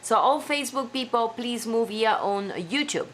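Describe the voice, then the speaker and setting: Hosting a live stream from her home, a woman from Italy wraps things up casually, gushing and chatty in accented English with minor slips. She speaks at a moderate pace in a slightly high, expressive, somewhat bright voice, with slight background noise.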